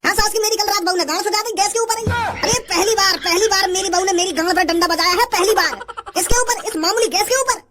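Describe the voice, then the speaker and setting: A woman's voice: extremely high pitch, quick pace, loud music behind the voice. A woman voicing an agitated, complaining old village mother-in-law in a Hindi cartoon, often stammering. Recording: noisy background.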